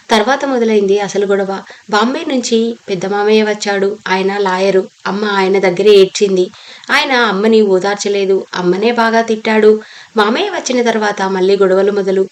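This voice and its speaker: A woman reading a novel aloud as an audiobook narrator, telling the story steadily and reading every character's lines in her own voice. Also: medium pitch.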